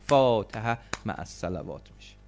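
A man preaching a religious story as a sermon, acting out the cries of the people in it and swinging from loud outbursts to hushed, slow passages. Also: lowish voice, animated. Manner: dramatic, acts out quoted cries and voices, swings from loud to hushed.

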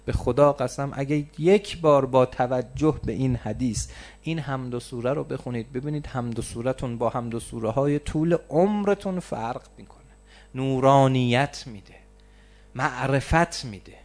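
Preaching a sermon, this man swings from loud, emphatic phrases to quiet, slowly prolonged words, lengthening the important ones to drive them home.

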